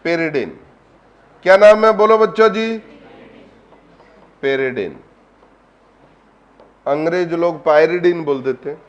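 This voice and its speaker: A man's voice: on the high side, slow, pauses often, lo-fi sound. A man teaching a live online class, quizzing his students with repeated questions and addressing them fondly. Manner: coaxing, affectionate address to students.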